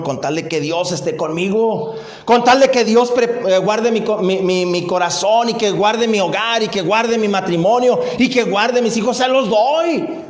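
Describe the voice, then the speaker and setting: A man with a Mexican accent preaching a sermon in a church, emphatic and repetitive, swinging between loud and hushed lines. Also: sits high. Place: church sanctuary. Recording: echoey church room.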